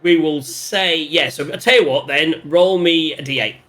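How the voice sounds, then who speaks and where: A man's voice: on the high side, moderate pace, bright, forceful tone. A man casually narrating a tabletop role-playing game as game master.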